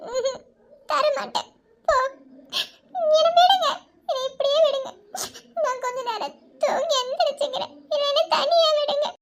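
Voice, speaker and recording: A woman voicing a tearful, clingy young bride in a cartoon, sobbing and pleading in a high, strained voice. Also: normal speed, heavy background noise.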